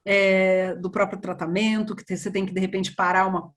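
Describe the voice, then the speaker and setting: A woman surgeon, talking in a relaxed interview and acting out past conversations as she tells them. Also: mid-range voice, brisk. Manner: animated storytelling, acts out dialogue. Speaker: breast surgeon guest.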